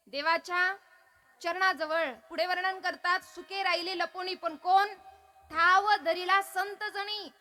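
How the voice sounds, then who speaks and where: A woman's voice: very high-pitched, bright, forceful tone. A woman preacher giving a devotional kirtan sermon, putting questions to her audience and urging them to answer aloud.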